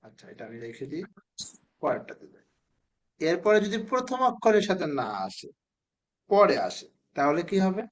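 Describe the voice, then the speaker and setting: A man teaching a children's spelling class, with a slightly high voice. He speaks patiently and says each word slowly. He keeps asking the pupils to answer. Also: very animated. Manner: patient, repeats words slowly and asks the children questions.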